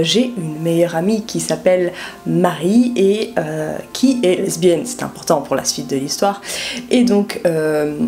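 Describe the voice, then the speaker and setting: Low-pitched young Frenchwoman telling a casual story. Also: dark tone. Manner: informal, slangy, addresses the viewer directly. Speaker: vlogger telling a personal story.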